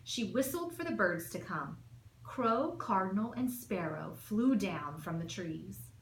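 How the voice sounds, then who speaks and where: Here an assistant principal narrates a children's storybook a little slowly, her medium-pitched voice full of lively intonation. The reading is emphatic and rhythmic, and the echoey room carries faint noise.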